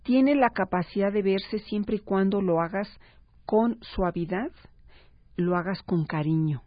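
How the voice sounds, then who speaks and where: A woman, a parenting expert speaking as a guest on a radio talk show, explaining calmly and acting out parents and children. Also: medium pitch, unhurried, no room sound. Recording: slightly dull radio broadcast sound.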